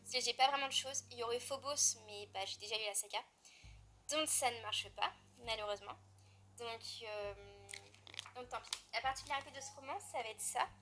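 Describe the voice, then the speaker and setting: A woman's voice: on the high side, fairly quick, bright, forceful tone, faint music behind. A French woman casually chatting about her books as a book vlogger, rambling with fillers and self-corrections. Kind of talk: casual chat.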